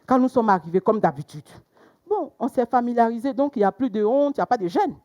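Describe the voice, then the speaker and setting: A young woman performing a stand-up comedy routine, telling stories with sudden loud exclamations. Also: a little high, animated, fast. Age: young adult.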